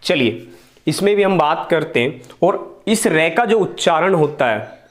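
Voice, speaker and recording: This is a grammar lesson in a classroom style, led by a teacher from India whose voice is somewhat high. Patient and unhurried, he repeats key words and raises questions only to answer them right away.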